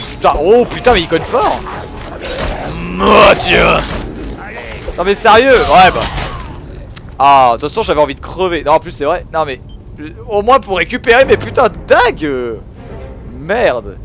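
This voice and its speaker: A man giving excitable gameplay commentary, swearing and shouting at the game as he plays. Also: high voice, moderate pace, music in the background. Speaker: gaming video host.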